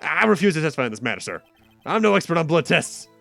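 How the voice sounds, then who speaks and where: A man's voice: on the high side, big pitch swings, fast talker, vocal fry, fairly bright tone, soft background music, exaggerated voice. A man voicing a blustering, scruffy police detective with a put-on Southern drawl, calling everyone pal. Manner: folksy, keeps calling people pal.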